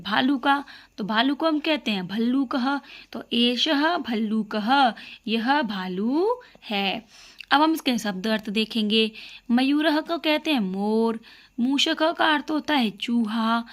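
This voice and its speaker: A woman teacher leading a lesson for young children, asking questions and slowly repeating each word with its meaning. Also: fairly high pitch, a bit bright. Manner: slow repeated drill with questions.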